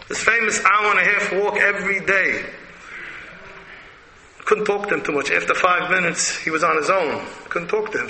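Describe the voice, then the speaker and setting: A sharp, forceful man's voice, pitched fairly high, with a Yiddish-inflected American accent. He preaches like an Orthodox rabbi, blunt and emphatic, throwing out question after question. The sound rings in an echoey hall with some noise behind it. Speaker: rabbi giving a religious lecture.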